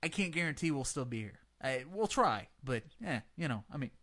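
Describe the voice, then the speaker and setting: A man's voice: mid-range voice, animated, fairly quick, fairly bright tone. A man with a small lisp, co-hosting a tech podcast and wrapping up the episode in a joking, rambling way. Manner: jokey, rambling, laughs at his own jokes. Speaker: podcast co-host. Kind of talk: casual podcast sign-off chat.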